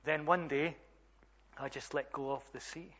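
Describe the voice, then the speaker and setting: Male preacher with a high voice, storytelling sermon that builds to emphatic appeals, dull recording. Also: fairly even intonation, measured pace, fairly bright tone.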